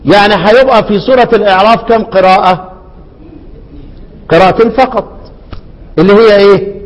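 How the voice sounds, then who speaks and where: High-voiced Egyptian sheikh teaching recitation. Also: male voice, fairly even intonation. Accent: Egyptian Arabic. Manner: quizzes listeners with repeated rhetorical questions; chants quoted verses slowly. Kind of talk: teaching lesson with call-and-response questions. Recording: hall reverb.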